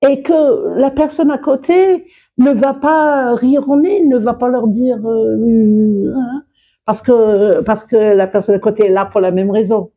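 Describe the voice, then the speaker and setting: Slow, husky woman speaker, lo-fi sound. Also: a little high. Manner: expressive, quick to laugh, many restarts. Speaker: public speaker and coach. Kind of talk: interview conversation.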